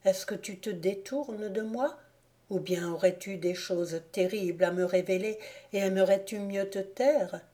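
A woman reading a hushed, anguished young man. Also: mid-range voice, a little slow, close to an everyday voice. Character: anguished young man calling to his dead mother.

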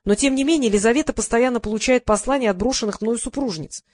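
A woman's voice: on the high side, quick pace, a little mellow, no echo, natural voice. A woman reading the lines of a tired, famous male performer in an audiobook. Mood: weary. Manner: tired and dry.

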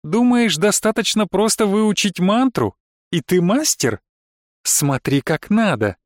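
A man's voice: high voice, sing-song, a little slow, no echo, clean studio sound, pitched above the performer's own voice. A man voicing a scheming stepmother who talks in a sweet, sing-song, mocking way.

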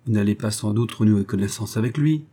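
A man voicing a disdainful, jaded young gentleman who speaks with mocking indifference. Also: fairly low pitch, brisk, husky. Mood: sneering. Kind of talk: audiobook character voice.

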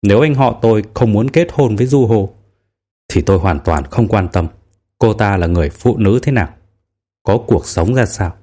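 A man's voice: fairly low pitch, animated, moderate pace, dark tone. A man voicing a wary, candid young man in an audiobook, speaking earnestly and a little guarded. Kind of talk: audiobook character reading.

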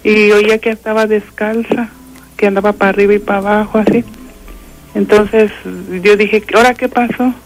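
Older mexican lady calling a radio show, flat monotone voice, lots of "este" and restarts. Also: mid-range voice, soft background music, low-quality recording. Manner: halting, full of fillers and restarts. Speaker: caller. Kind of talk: telling a ghost story on a radio call-in.

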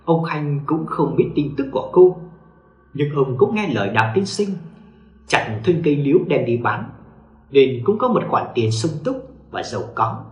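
A man's voice: a little high, big pitch swings, moderate pace, highs cut off. Man telling a ghost story, echoey. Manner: dramatic storytelling. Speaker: narrator. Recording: echoey room.

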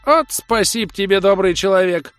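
A man's voice: sits high, moderate pace, a bit bright, dry recording, soft background music, voice pushed up. A man voicing an old village farmer who wails and wheedles in a folksy rural dialect. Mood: wailing, wheedling.

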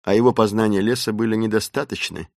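A man narrating an adventure novel as an audiobook in a steady, expressive storytelling voice. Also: on the low side, fast, gravelly, dry recording, clean studio sound.

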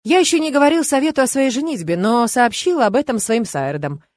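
A woman's voice: fairly high pitch, expressive, fairly quick, a little mellow, no echo, pitched above the performer's own voice, natural voice. Woman reading a teasing young emperor. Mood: assured, teasing. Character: confident teasing male emperor, young adult.

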